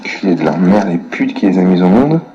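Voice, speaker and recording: On a recorded prank call in an echoey room, with music underneath, a man plays an irate customer raging at a customer service line. His low voice is brisk and lively as he swears constantly and mutters to himself between calls.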